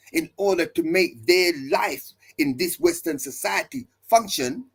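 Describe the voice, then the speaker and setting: A male pastor preaches to his listeners, building his points with emphatic repeated refrains and rhetorical questions. His voice is on the high side and slightly rough.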